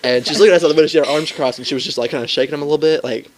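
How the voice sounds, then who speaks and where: Fast-talking young man telling tales. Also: on the high side, steady tone, crowd noise. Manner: rambling, fillers of "like", laughing through the telling. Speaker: storyteller among friends. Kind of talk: casual comic storytelling. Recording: loud background noise.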